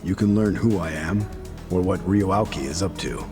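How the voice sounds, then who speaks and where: A man's voice: low voice, normal speed, natural voice. An actor playing a stern, controlled man who speaks tersely in an English video game dub. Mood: cool, firm. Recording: game clip with clear background music.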